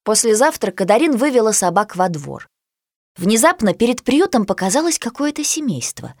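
A woman narrating a children's storybook with an expressive, lively reading. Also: a little high, moderate pace, no room sound, clean studio sound.

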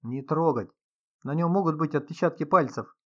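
A man voicing a calm, grim, ironic male host of a mansion, speaking dryly, on a slightly dull recording. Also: fairly high pitch, normal speed, natural voice.

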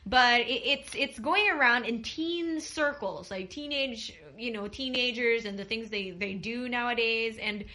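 A woman's voice: on the high side, measured pace, hardly any pauses. A woman, chatting casually as a radio host with lots of fillers. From Cebu, Philippines. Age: 20s. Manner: chatty, animated, full of fillers.

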